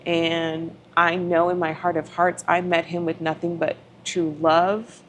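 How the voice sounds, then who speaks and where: Speaking a little slowly in a lowish, level voice over slight background noise, a woman guests on a podcast. She tells her own story frankly and with emotion, acting out old conversations and swearing occasionally.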